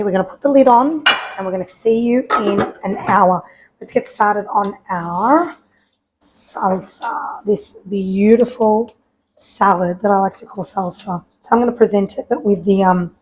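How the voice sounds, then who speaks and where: A woman's voice: medium pitch, a little fast, low-quality recording. Chatty woman hosting a cooking show. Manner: chatty, guiding viewers step by step. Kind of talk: cooking demonstration. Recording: faint noise, uneven mic audio.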